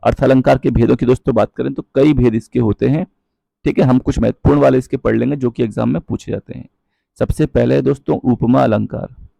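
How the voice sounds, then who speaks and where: A man teaching a Hindi grammar lesson, explaining patiently, checking in with his viewers often and reciting verse lines slowly. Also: medium pitch, steady tone, gravelly, mellow, dry recording. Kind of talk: online exam-prep lesson.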